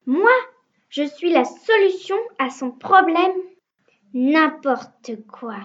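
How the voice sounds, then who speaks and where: Woman playing a blunt storybook girl of ten, very high, slow, childlike. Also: animated. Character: tall ten-year-old girl, blunt and dreamy. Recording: dull lo-fi recording.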